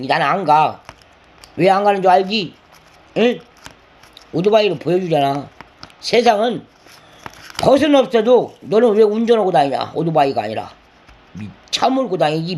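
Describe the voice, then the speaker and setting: Older man, high and very animated voice, rambling lecture full of nagging questions. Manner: lecturing, nagging tag questions, coarse words; slips into sung lines and acted quotes. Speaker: elder lecturing a listener. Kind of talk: rambling scolding monologue.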